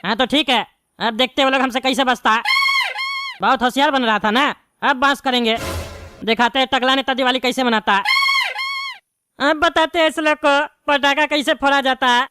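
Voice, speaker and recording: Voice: high voice, steady tone, moderate pace, pauses often, background noise, close to an everyday voice. A voice actor playing a bald, hot-tempered male politician in a cartoon, given to angry, threatening rants. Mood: grumbling. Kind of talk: cartoon voice acting.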